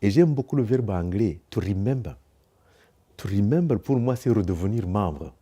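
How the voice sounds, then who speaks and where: A man giving a slow, grave, philosophical testimony. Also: lowish voice, expressive, mellow, breathy edge. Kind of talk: reflective testimony.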